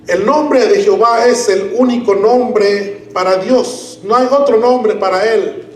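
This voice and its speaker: A high-pitched man preaches in an unhurried, deliberate way, leaning on key words as he teaches. The sermon is recorded in a church with a roomy echo, and the mic sits some way off. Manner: slow, deliberate Bible teaching with emphatic stresses. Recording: echoey room, mic at a distance.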